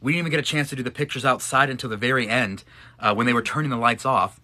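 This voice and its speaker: Bright-voiced man, choked up. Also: medium pitch, rapid-fire. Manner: emotional, choking up at times, chatty with restarts. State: tearful, choked up. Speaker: live streamer, one of a couple. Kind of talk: casual chat answering follower questions.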